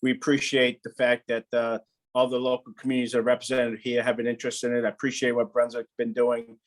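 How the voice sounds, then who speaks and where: A man, a local housing official speaking on a panel, plain-spoken and steady, with a mild exasperation. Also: mid-range voice, quick pace. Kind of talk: panel discussion remarks.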